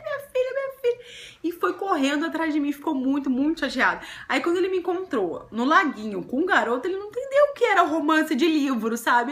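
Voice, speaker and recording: A young Brazilian woman vlogger telling a personal love story to camera, chatty and animated, often breaking into giggles. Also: high-pitched. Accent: Brazilian Portuguese.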